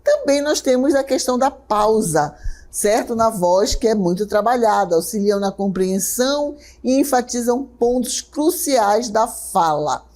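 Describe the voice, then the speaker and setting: A woman teacher with a Brazilian Portuguese accent, giving a televised lesson, talking quickly and checking in often with her students. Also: on the high side, animated, a little mellow. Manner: talks fast, checks in often with "certo?" and "né?"; slows right down to guide a breathing exercise.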